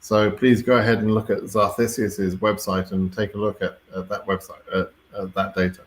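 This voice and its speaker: This British host of an informal live Q&A comes across as blunt and wry, a touch exasperated, with an occasional swear word. He speaks at normal speed in a lowish voice with flat delivery.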